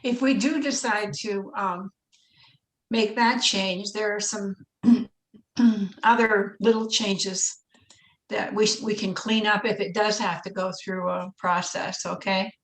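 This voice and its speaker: A woman's voice: medium pitch, steady tone, slow, a bit bright. A woman speaking as a board member, making informal remarks at a formal meeting. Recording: echoey room sound.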